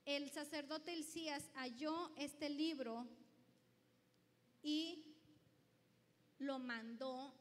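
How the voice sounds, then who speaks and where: High-voiced woman preaching in a reverberant hall. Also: steady tone, very slow, pauses often. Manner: asks the congregation questions and reads scripture aloud. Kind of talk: sermon. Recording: long reverb of a large hall.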